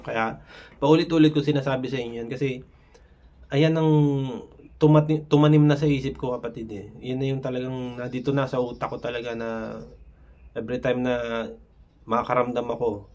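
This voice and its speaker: A man's voice: mid-range voice, a little mellow. A man vlogging casual advice, rambling, with frequent fillers and tag questions. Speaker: vlogger sharing anxiety tips. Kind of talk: casual talk to camera.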